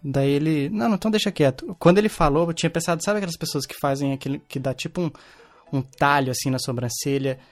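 A man's voice: fairly high pitch, steady tone, fast talker, faint music behind. A young man in casual chat, telling an anecdote with slangy fillers.

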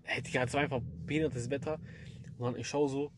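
A man's voice: medium pitch, fairly even intonation, fast talker. A young man telling a horror story to his listeners in slangy, casual speech, often turning to address them directly. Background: background music.

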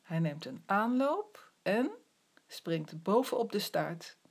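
A woman reading a children's story aloud in an expressive storybook manner. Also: mid-range voice, slightly rough. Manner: expressive, slow storybook delivery. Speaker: reader.

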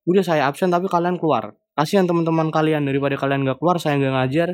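A man voicing a strict, irritated middle-aged female lecturer who scolds a student, raising his pitch and volume for her. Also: fast, darkish tone, dry recording, clean studio sound, natural voice. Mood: exasperated. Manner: shrill, exasperated scolding.

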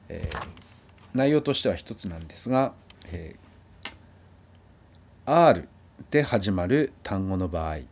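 A man's voice: fairly low pitch, a little mellow. A man teaching a language lesson, explaining patiently and drilling sounds for listeners to repeat. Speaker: Spanish teacher.

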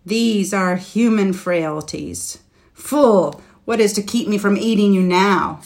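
A woman voicing a proud, scornful male dragon, speaking slowly and forcefully with contempt. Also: low-pitched, fairly even intonation. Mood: menacing. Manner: slow, forceful, contemptuous delivery. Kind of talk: storybook reading.

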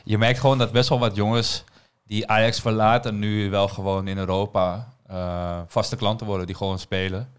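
Laid-back young man, smooth voice. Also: fairly low pitch, normal speed, few pauses. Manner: relaxed, slangy, peppered with "nice" and "man". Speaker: podcast host. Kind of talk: casual football podcast chat.

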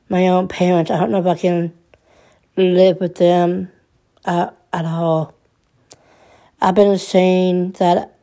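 Her voice fairly low and warm, a twenty-something woman works through her troubles aloud. She speaks haltingly and in a subdued way, frequently starting over and repeating herself.

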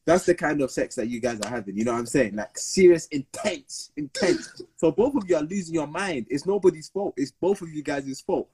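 A young man with a London roadman accent tells stories in casual, slangy banter, repeating himself and acting out quotes. His voice sits on the high side with a darkish, slightly rough tone, lively intonation, and a slightly quick pace with hardly any pauses.

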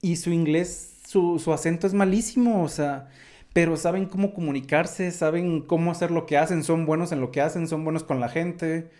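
A man's voice: a little high, normal speed, darkish tone. A man with a Mexican accent, chatting casually through tech news and drifting into asides. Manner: chatty, digressive, many fillers like "o sea".

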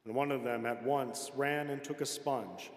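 A man giving a solemn, measured public reading of scripture in a large church. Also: mid-range voice. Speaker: scripture reader. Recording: echoey hall with long reverb.

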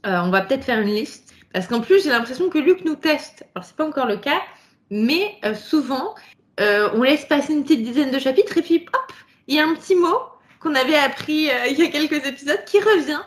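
A woman co-hosting a casual podcast, chatting in a lively way and laughing often between her points. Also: high-pitched, brisk. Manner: lively, laughs often, many fillers and asides. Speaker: podcast co-host. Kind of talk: casual chat about a book chapter.

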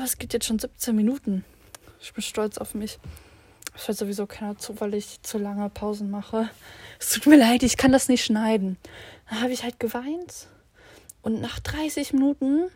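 A teenage girl chatting on her own in a loose, rambling way, full of slang and English words. Her voice sits a little high and sounds mellow and soft-edged. The sound is dry and close, with no room echo. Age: teens. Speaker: vlogger. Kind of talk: casual rambling monologue.

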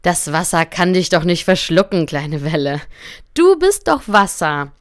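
A woman's voice: fairly low pitch, very animated, unhurried, no room sound, clean studio sound. A woman voicing a large, kind wave in a storybook tale, reassuring a smaller one. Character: big calm wave, kindly and reassuring.

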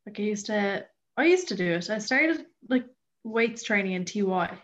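A woman's voice: medium pitch, animated, normal speed, a bit bright. A twenty-year-old woman from County Clare with an Irish accent, chatting casually as a podcast guest. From County Clare, Ireland. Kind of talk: casual interview chat.

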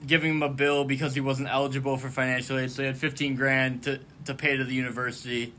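A man's voice: mid-range voice, little pitch movement, fast, pushed and bright, slight background noise. A man with a lisp hosting a casual podcast chat, joking and laughing often. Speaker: podcast host.

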